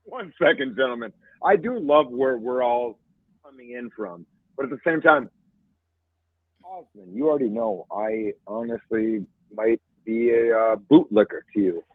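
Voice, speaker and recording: A lively, rambling man calls in over a bad connection that keeps breaking up. His husky, slightly high voice swoops around as he talks. The whole thing comes through a thin, tinny phone line. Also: a little slow, no echo. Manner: rambling, excitable. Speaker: caller. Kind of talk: casual call-in chat.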